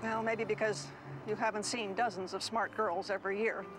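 An actress playing a wise, dry-humored teacher who lectures her students calmly, in a 1990s sitcom. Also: medium pitch, normal speed, music in the background, natural voice, low-quality recording. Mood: patient. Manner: calm, wry and lecturing.

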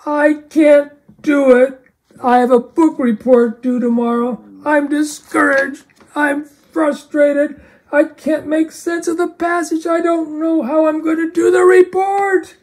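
Lady voicing a whiny discouraged kid stuck in bed, drags every word, high pitched. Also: animated, slow, a little mellow, slightly rough, full character voice. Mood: frustrated.

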